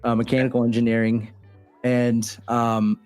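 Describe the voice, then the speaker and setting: Man from texas, guest on a call, easygoing, mid pitch, faint music behind. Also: little pitch movement, normal speed, a little mellow, clear, resonant tone. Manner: easygoing, many fillers and restarts, laughs often. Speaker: guest trader. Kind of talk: casual interview talk.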